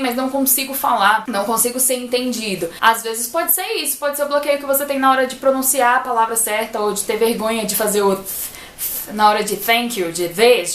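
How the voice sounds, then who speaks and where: A Brazilian woman teaching English pronunciation in a casual online lesson, lively and full of examples. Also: a little high, echoey room. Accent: Brazilian Portuguese.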